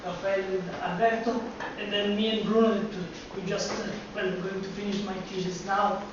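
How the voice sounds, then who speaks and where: A man who is a university researcher, giving a short conference pitch in loose, casual phrasing. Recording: echoey hall, far from mic, dull, noisy.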